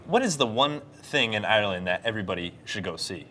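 A man's voice: fairly low pitch, lively intonation, fast talker, sharp tone. A man in his thirties hosting a TV lifestyle show, upbeat and jokey, bantering with guests in a studio kitchen on a lapel mic. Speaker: TV show host. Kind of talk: lively morning show chat.

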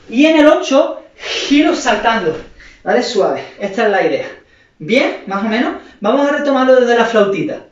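Dance teacher guy counting beats and going pam pam, far from the mic, big echoey room, kinda muffled. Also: very high voice. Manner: counts beats and sings the rhythm with sound words; encouraging, speaks to the class directly. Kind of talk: online dance class instruction.

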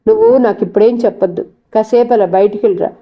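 A woman's voice: mid-range voice, big pitch swings, fast, lo-fi sound, close to an everyday voice. A woman voicing an anxious older mother scolding her grown son in a tearful voice.

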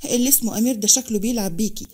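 A woman's voice: a little high, rapid-fire, dark tone, breathy edge. A woman voicing a blunt, protective young female friend with an Egyptian accent, speaking in a scolding way. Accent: Egyptian Arabic.

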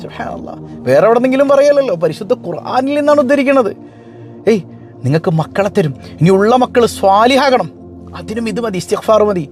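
A male preacher delivers an emphatic storytelling sermon at a quick clip. His voice sits high, and he keeps turning to his listeners with questions. Soft music plays faintly underneath. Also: expressive.

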